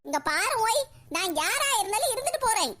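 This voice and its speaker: Cartoon role: woman playing a brash village sister-in-law with a Kanyakumari accent, very high and bright, all sharp comebacks. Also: sing-song, fairly quick, heavily acted. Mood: defiant. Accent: Kanyakumari Tamil. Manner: scolding, defiant, sharp retorts. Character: bold loud-mouthed village sister-in-law. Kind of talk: cartoon voice acting.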